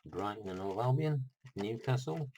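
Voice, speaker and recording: A man's voice: medium pitch, expressive, moderate pace, dark tone, a little hiss or hum, rough recording. A middle-aged man, unboxing a board game in a rambling, chatty vlog full of asides. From United Kingdom.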